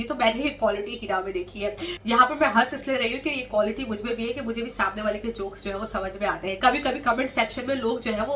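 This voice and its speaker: A woman vlogger giving casual opinion commentary on celebrity news, talking quickly and chattily with many fillers and slipping English phrases into her Hindi. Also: on the high side, fairly bright tone, recorded from a distance.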